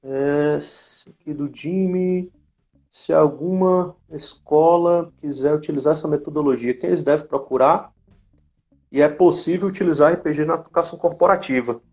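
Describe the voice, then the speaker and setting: A man with a Brazilian accent hosts a company live stream, running a casual interview chat in a fairly high, slightly mellow voice at a moderate pace. The live-stream audio is dull and lo-fi, with faint music.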